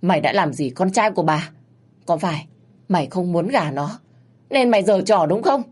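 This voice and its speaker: A woman narrator voicing a harsh, anxious older mother who speaks loudly and wails. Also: lively intonation, moderate pace, slightly rough. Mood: furious. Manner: loud, shrill, wailing.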